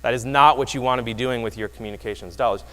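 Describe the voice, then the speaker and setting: A man presents research to a conference audience with a lively, wry manner, often restarting his phrases. His voice sits at an ordinary middle pitch. The room carries a long reverb. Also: quick pace, clean tone. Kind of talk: conference talk. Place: conference hall.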